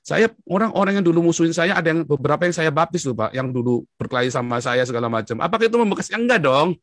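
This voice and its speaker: A man from Indonesia telling his story in an interview, excitable, his voice jumping up in pitch as he gets worked up. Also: quick pace, no room sound, studio quality. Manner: excitable, with sudden jumps in pitch and frequent address to the listener.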